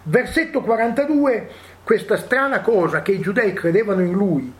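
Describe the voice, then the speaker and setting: A man's voice: high-pitched, lively intonation, normal speed. A man. He talks in a reflective, thinking-aloud way and keeps checking in with his listeners with short questions. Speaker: Bible teacher. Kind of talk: Bible study talk.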